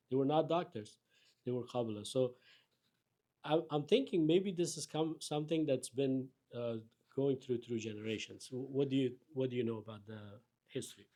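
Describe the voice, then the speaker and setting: Mellow-voiced man hosting an interview. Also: medium pitch. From Afghanistan. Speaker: interview host. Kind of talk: conversational interview.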